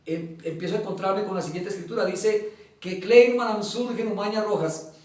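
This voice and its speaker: High-voiced man telling his testimony. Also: fairly even intonation, normal speed, a little mellow. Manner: earnest storyteller, acts out quoted dialogue, hesitant fillers. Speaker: guest giving testimony. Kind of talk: personal testimony in an interview. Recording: echoey room, mic at a distance.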